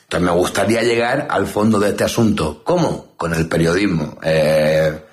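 A man in a comedic chat, rambling through mock-outraged rants and deadpan answers. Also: low-pitched, normal speed. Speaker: comedic guest. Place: newsroom studio.

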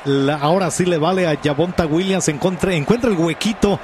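A man's voice: on the high side, moderate pace, noisy background. A man working as a sports commentator, giving live American football commentary on the radio.

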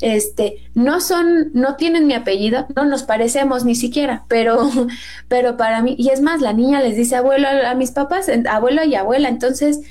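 A woman's voice: sits high, moderate pace, darkish tone. A Mexican woman with a Mexican Spanish accent in a casual Bible discussion, chatty and acting out quotes in a raised voice.

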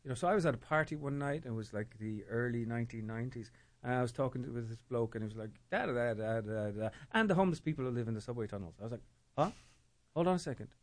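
A middle-aged Irish novelist, interviewed as a guest, talks fast in a medium-pitched voice. His reflective answers are thoughtful, and he often repeats words while searching for the right ones.

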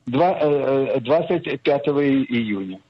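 A man's voice: medium pitch, animated, unhurried, dry recording. Man in his sixties, caller, hesitant, lots of fillers, muffled phone line. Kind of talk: call-in question.

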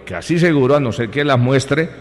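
A man's voice: mid-range voice, lively intonation, normal speed, in a large hall. A man hosting a football panel show, arguing his points emphatically and repeating words as he goes. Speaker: sports talk show host.

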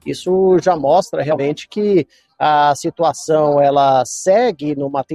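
A male political reporter heard through a breaking-up, buffering connection, his words stalling and jumping. His voice sits a bit high and mellow, and the sound is dry and close with no room around it. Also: dry recording. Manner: halting, with repeated restarts and fillers. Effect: choppy, cutting-out connection with buffering stutters. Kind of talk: live news report over a remote link. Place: remote location outside the studio. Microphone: remote video call link.

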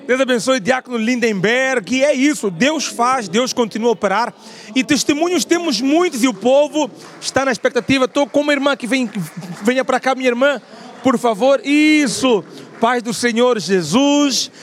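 Very high-voiced male presbyter on church radio; fervent, exclamatory. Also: animated, moderate pace. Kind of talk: religious radio interview.

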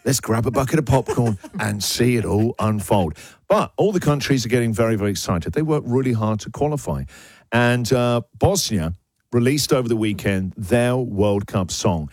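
A man hosting a radio breakfast show in a studio, talking with energy and enthusiasm, his voice jumping up when he gets excited. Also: mid-range voice, moderate pace, no room sound. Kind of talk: lively radio banter. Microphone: studio broadcast mic.

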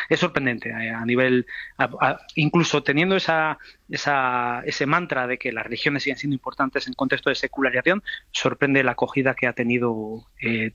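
A sociologist from giving thoughtful, measured radio commentary with some hesitations, on a remote line. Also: male voice, medium pitch, sharp tone, no room sound, lo-fi sound. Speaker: sociologist guest.

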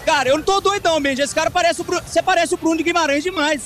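A man with a Brazilian accent reporting live from a crowded outdoor bar area, hurried and upbeat. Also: extremely high pitch, a bit bright, a faint crowd. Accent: Brazilian Portuguese. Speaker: field reporter.

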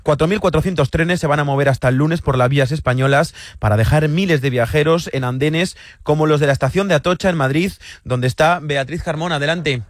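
A man anchoring a radio newscast, reading stories briskly and handing over to reporters. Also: a little high, no room sound, clean studio sound. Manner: brisk, crisp delivery. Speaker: news anchor.

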